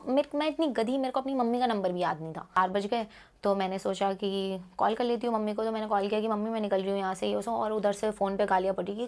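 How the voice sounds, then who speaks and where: A young woman casually telling a personal story, switching between Hindi and English, swearing now and then and acting out what others said. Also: medium pitch. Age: young adult. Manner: animated, acts out quotes of others. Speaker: storytime vlogger.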